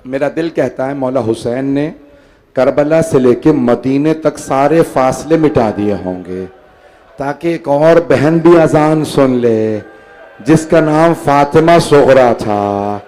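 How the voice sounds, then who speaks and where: A man's voice: mid-range voice, takes it slowly. Impassioned male cleric, dramatic oratory. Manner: dramatic oratory, swings from loud declaiming to hushed lament; storytelling, acts out quoted speakers. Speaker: Shia cleric reciting a Muharram majlis. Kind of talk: impassioned majlis sermon. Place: large gathering hall.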